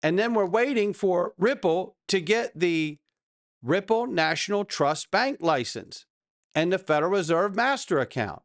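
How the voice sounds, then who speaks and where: A man's voice: high voice, animated, unhurried, no echo, clean studio sound. A man hosting a cryptocurrency show with crypto bro hype, addressing viewers emphatically and throwing rhetorical questions at them. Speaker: host of a cryptocurrency news show. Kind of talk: hype-driven market commentary to viewers.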